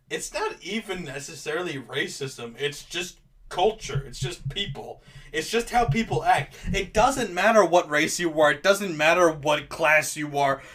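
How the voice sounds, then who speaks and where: A man's voice: fairly high pitch, animated, a little slow, a bit bright, poor audio. A tipsy man giving casual, blunt, profane and rambling commentary as host of a comedic review. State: tipsy, drinking.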